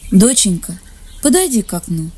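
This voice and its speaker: A narrator voicing a tired fairy mother who gently scolds her daughter in a storybook. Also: high-pitched, very animated, normal speed, voice pushed up. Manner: sad, admonishing.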